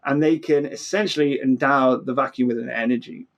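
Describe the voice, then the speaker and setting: The recording is muffled, catching a man's medium-pitched, steady voice moving at a fairly quick clip. He's a physicist being interviewed, explaining eagerly while often stumbling and repeating how his phrases begin.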